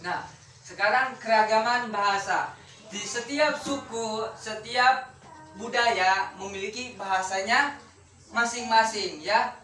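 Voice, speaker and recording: A woman's voice: a little high, takes it slowly, fairly bright tone, faint music behind. Woman teacher quizzing a class. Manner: quizzes the class, repeats key words. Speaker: schoolteacher. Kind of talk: classroom lesson. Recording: roomy classroom heard from a distance.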